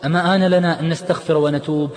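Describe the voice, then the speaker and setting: A narrator voicing a tearful young penitent, pleading and fervent, voice lifted higher and louder. long hall reverb. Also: male voice, steady tone, racing, close to an everyday voice.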